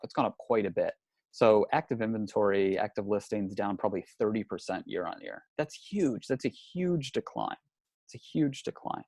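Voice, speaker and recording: This real estate industry analyst, who is not from New Zealand, has a fairly low, slightly mellow voice. He delivers a live webinar from a hotel room, walking through his slides in a chatty way with frequent repeated words and restarts. The audio is dry and sounds like a clean studio recording.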